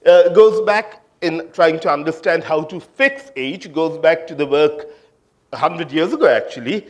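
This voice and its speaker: A man's voice: fairly high pitch, measured pace. A man from India giving an academic conference talk on physics, hesitant, with many fillers and restarts. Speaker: physics lecturer.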